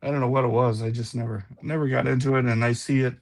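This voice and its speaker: A man's voice: mid-range voice, little pitch movement, fast. A man co-hosting a casual chat, easygoing and hesitant with fillers.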